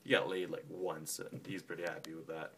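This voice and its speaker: A man's voice: rumbling low, flat delivery, brisk, a bit bright, a little hiss or hum. A man from Canada rambling casually on his vlog, profane and self-mocking. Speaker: vlogger.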